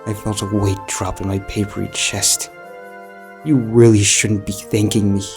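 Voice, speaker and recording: A man narrates fan fiction in the first person as a living book tormented by guilt and anguish, delivering it in a measured, halting, melodramatic way. His fairly low voice stays level and sounds anguished and hollow, with faint music in the background.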